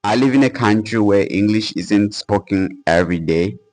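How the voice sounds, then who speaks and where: An earnest young man from a Portuguese-speaking country, Portuguese his first language, gives a motivational talk to camera in English as an English-learning YouTuber. His voice is lowish and darkish, at a moderate pace, and he talks casually, saying "bro" and using fillers.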